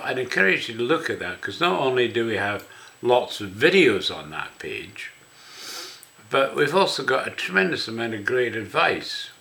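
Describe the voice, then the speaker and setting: An older Scottish man with a smoker's rasp talks casually and ramblingly, guiding listeners through a website. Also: medium pitch, pushed and bright. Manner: rambling, conversational. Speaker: website host.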